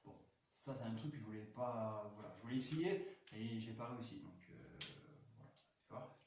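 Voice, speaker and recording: A man's voice: fairly low pitch, normal speed. A man chatting casually while reviewing a toy, rambling with lots of fillers and restarts, enthusiastic. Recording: very echoey room, mic at a distance, faint noise.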